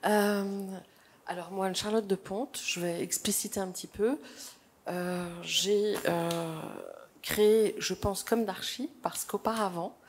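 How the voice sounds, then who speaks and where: A woman's voice: medium pitch, fairly even intonation, takes it slowly, a little hiss or hum. A woman moderating a panel discussion, chatty and asking the guests questions. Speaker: moderator, podcast host.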